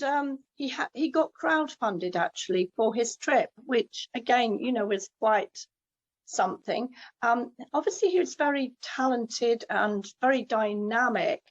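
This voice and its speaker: A middle-aged woman giving a casual, anecdotal testimonial as a host, chatty and digressive. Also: fairly high pitch. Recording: muffled lo-fi call audio.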